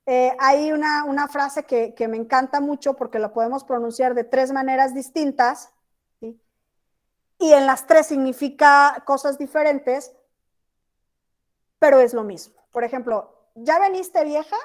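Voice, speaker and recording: A high-voiced woman teacher from Chiapas, Mexico, gives an online class lecture over a video call. She keeps checking whether her students are following along. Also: steady tone, a little slow. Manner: checks in often with students, asking "¿sí?".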